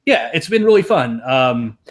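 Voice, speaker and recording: Very animated at a normal speed, this young man has a mid-range voice and a Southern accent from Tennessee. The programmer rambles through casual, self-deprecating podcast chat, tossing in casual swearing.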